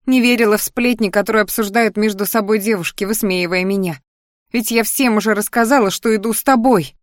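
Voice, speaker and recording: A woman's voice: medium pitch, a little fast, dry recording, clean studio sound, voice pushed up, lightly acted. A woman voicing a jealous, spurned young academy girl who pleads and then turns spiteful. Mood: hurt, pleading.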